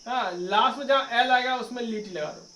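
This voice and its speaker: Male teacher, high voice, echoey classroom heard from a distance, drilling spelling and pronunciation. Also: fairly quick, bright, forceful tone. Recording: echoey room, mic far off, faint noise.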